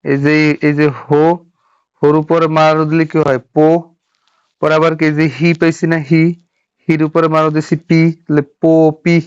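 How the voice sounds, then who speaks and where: A man teaching a Japanese script class online, halting and repeating syllables as he writes and quizzes his students. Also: fairly high pitch, completely flat delivery, smooth, dry recording, dull audio. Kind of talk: informal online class instruction. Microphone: online class audio.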